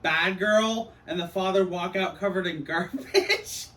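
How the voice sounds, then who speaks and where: A man's voice: high voice, a little slow, pushed and bright, recorded from a distance. A man in casual chat retelling a film, talking through hysterical laughter with lots of colloquial filler. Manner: frequent "like" and colloquial exclamations.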